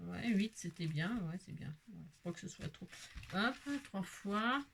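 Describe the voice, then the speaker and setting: A woman's voice: medium pitch, lively intonation, a little slow, vocal fry, a bit bright, slight background noise. A woman hosting a casual crafting tutorial, chatting freely as she works and talking half to herself, with lots of little filler tags. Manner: chatty, many filler tags, talks to herself while working.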